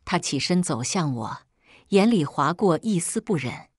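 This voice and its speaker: A woman narrating a first-person romance drama story in a steady, dramatic storytelling manner. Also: low voice, unhurried, slightly rough, no room sound, studio quality. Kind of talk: first-person audio novel reading.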